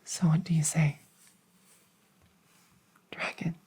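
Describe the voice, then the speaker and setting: In this ASMR-style intimate roleplay drama, a woman heavily acts the part of a hushed young princess. Her low, soft, breathy voice often drops to a whisper and shows little pitch movement. The mood is earnest and tender, the pacing slow and deliberate, with coy pauses.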